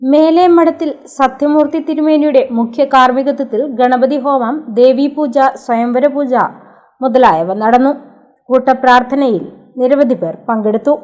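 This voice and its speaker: A woman giving a formal, even news voice-over report. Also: high voice, measured pace.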